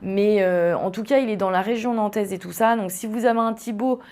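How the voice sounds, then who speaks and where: A woman's voice: mid-range voice, a little fast. A young woman from the Vendée region of France hosts a podcast and recounts a personal story straight into her microphone. She talks casually and animatedly, piling up fillers and restarting sentences as she goes. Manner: animated, tumbling speech with frequent fillers and restarts. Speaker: podcast host.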